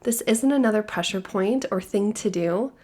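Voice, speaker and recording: A woman podcast host, hoarse while recovering from a cold, calmly sharing a gentle, spiritual guidance monologue. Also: mid-range voice. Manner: calm, soothing, measured delivery.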